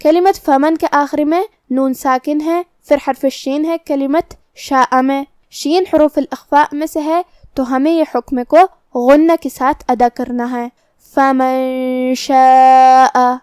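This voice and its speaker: A woman teaching Quran recitation, calmly explaining pronunciation rules and then reciting verses slowly with long held sounds. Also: sits high, no room sound, studio quality. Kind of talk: tajweed lesson with slow recitation.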